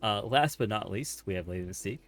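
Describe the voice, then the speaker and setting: A man's voice: lowish voice, lively intonation, fast talker. A man hosting a podcast, signing off casually, speaking right up close to his microphone at a home streaming setup. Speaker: podcast host. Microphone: close studio mic with pop filter.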